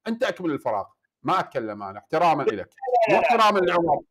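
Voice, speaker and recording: A man's voice: on the high side, sing-song, rapid-fire, a bit bright. An Iraqi man hosting a heated call-in debate, pressing his guest with repeated rhetorical questions. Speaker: debate show host.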